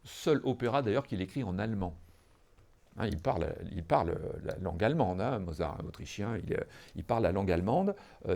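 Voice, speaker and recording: A man's voice: mid-range voice, vocal fry, darkish tone. A man giving a podcast lecture on music history, explaining in a teacherly way to listeners, with many hesitations, fillers and restarts. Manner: addresses listeners directly, teacherly.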